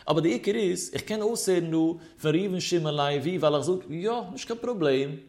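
A man teaching a Talmud lesson, his slightly high voice lifting and dropping as he works through each argument. His delivery has a sing-song lilt. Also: brisk, darkish tone. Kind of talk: traditional Talmud study lecture.

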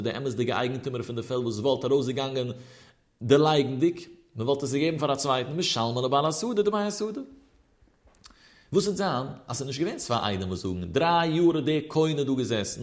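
A man teaching a traditional Talmud lesson, reasoning through a case in a sing-song manner that rises and falls. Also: medium pitch. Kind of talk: traditional Talmud study lecture.

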